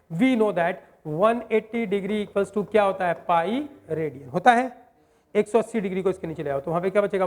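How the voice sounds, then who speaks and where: High-voiced man teaching maths. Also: darkish tone. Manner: quizzing students with constant rhetorical questions; reads English question text slowly, word by word. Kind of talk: whiteboard maths lesson.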